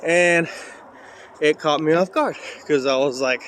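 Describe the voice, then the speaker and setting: A man with a rather high, somewhat bright voice talks a little slowly as he walks a trail with a heavy sandbag, recording himself on a cheap phone. The vlogger and parkour coach chats and rambles with many "uh"s, and there's a little hiss or hum.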